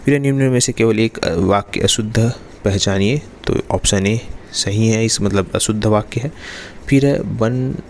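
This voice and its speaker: A man with a lowish voice works steadily through exam questions in a repetitive, drilling rhythm. A faint hiss of background noise sits under his voice. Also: a little slow. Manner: repeats "remember" and "then next" in a steady drilling rhythm. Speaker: exam-prep teacher.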